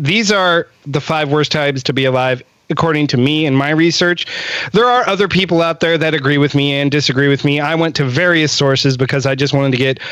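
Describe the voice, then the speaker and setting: A man hosting a podcast, relaxed as he steers the talk to the topic. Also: fairly high pitch, dry recording. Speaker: podcast host. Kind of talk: casual chat.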